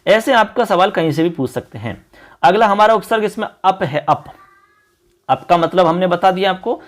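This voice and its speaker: High-voiced male teacher explaining slowly. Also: expressive. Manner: repetitive, explanatory, often says "look". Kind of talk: exam-prep lesson.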